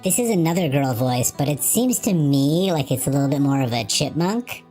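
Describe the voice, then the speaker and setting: A man's voice: fairly high pitch, lively intonation, normal speed, dark tone, faint music behind, voice pushed up. A man in a chipmunk girl-voice filter. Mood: amused. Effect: voice changer set to a chipmunk-like girl voice. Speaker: game streamer.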